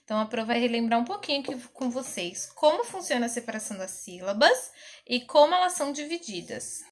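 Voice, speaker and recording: Patient Brazilian woman teacher, high voice. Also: big pitch swings. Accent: Brazilian Portuguese. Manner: slow, patient, sounds words out syllable by syllable. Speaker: primary school teacher. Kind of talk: recorded remote class for children.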